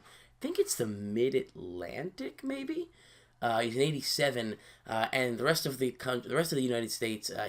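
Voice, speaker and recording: Halting, lower-voiced man narrating gameplay. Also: a bit bright. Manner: halting, many fillers and repeated words. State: sleepy, yawning early in the day. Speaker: host playing a wrestling booking game. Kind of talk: casual gameplay commentary.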